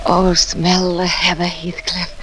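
An actress playing Cathy's part as a willful, proud young gentlewoman, in a theatrical, volatile 1940s radio drama style. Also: fairly low pitch, completely flat delivery, slow, a little hiss or hum, poor audio. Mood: tender, dreamy.

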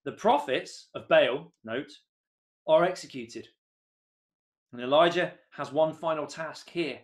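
Casting: man in his thirties, slightly high voice, earnest home-recorded sermon with bursts of excitement. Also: takes it slowly. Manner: earnest, rises to excited emphasis on key points. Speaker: preacher. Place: home room, indoors.

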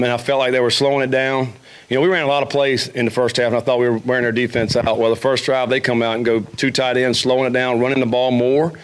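A man's voice: mid-range voice, slight background noise. A middle-aged man, a head football coach, answering questions at a post-game press conference, with frequent restarts and fillers. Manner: fast, even-toned, frequent restarts and fillers. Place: press conference room with a logo backdrop. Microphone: table microphone.

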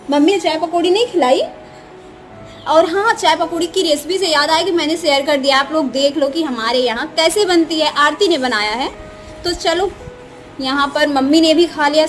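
A woman vlogging at home in a cooing, sing-song baby-talk manner, chatting to a little girl and narrating her day. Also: sits high. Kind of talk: casual home vlog, baby talk to a niece. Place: family home indoors.

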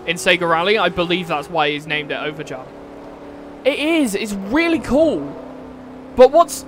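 A young British man with a fairly high voice chats through a live stream of a racing game. He talks loosely and crudely, swears and laughs at his own jokes. Car engines from the game roar loudly behind him. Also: slight background noise. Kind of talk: live-stream commentary while playing. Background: car engine sounds from the game.

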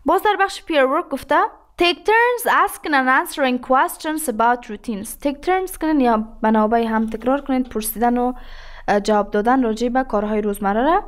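A woman teacher with an Afghan Dari accent and a slightly high voice. She says each example sentence slowly and carefully. She then moves briskly into her explanations. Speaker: English teacher. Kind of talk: explaining a language lesson.

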